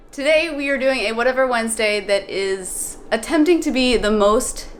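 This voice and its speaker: A woman's voice: on the high side, normal speed, faint music behind. A young woman from Canada co-hosting a casual vlog, joking and laughing often. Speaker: vlog co-host. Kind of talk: casual chat.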